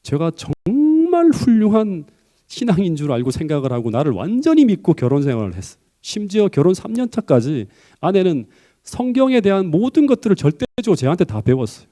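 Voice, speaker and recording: A middle-aged man, a pastor, preaching a sermon and telling a personal story in an animated way that climbs to emphatic high peaks. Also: brisk.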